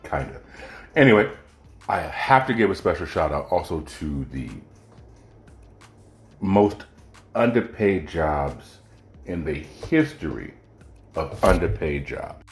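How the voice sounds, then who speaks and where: A man's voice: rumbling low, expressive, slow pace, long pauses. A man hosting his own podcast, chatting casually and jokingly straight to his listeners. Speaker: podcast host. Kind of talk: casual solo podcast chat. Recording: echoey room with faint music.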